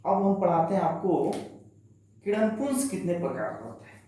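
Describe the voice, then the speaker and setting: A man's voice: high voice, sing-song, normal speed, dark tone. A male teacher, giving a chatty, reassuring online lesson and repeating key words. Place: echoey classroom, writing on a board. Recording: very echoey room, voice from a distance.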